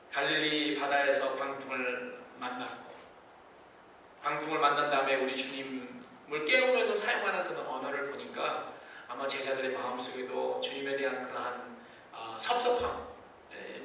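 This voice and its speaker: A man preaching a sermon as pastor, swinging from soft, low passages to loud, high-pitched pleading. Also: gravelly, slight background noise. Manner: dramatic swings between soft and loud delivery. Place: church sanctuary. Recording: echoey church hall, mic at a distance.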